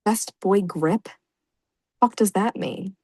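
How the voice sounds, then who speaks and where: A woman's voice: medium pitch, slow pace, a little mellow, husky, no room sound. A young woman giving casual let's-play commentary, chatty and reacting aloud with laughs and groans. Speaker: gaming YouTuber.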